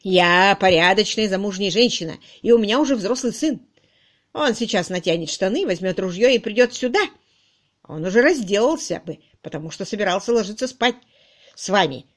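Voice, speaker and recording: A woman voicing a loud, bossy middle-aged charwoman in an audiobook, brusque and exclaiming. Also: mid-range voice, lively intonation, brisk, natural voice. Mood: blunt. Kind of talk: audiobook reading.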